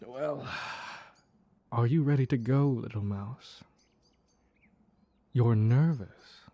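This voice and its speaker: A man voicing a mischievous, flirtatious mad cat in an intimate roleplay audio, teasing with coy pet names in a soft, husky purr. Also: mid-range voice, slow, no echo.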